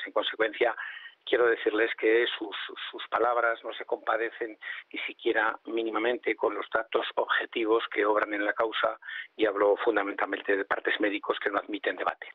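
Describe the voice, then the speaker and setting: A hoarse man, a lawyer, speaking formally and deliberately in a phone interview. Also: on the low side, no room sound. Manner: formal, legalistic, measured. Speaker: lawyer for the victim's family. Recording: tinny dry phone line.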